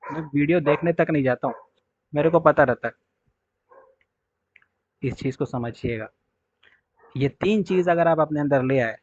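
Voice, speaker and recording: A man's voice: mid-range voice, lo-fi sound. A young man teaching trading to his viewers in a blunt, scolding way, often checking that they understood. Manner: scolding, direct, repeats "clear?" and "okay".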